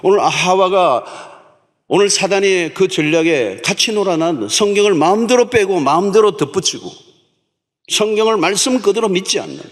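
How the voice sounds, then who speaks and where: A man's voice: sits high, animated, normal speed. A man preaching a sermon as pastor, emphatic and repeating key words for stress. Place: large church sanctuary. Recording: long church hall reverb.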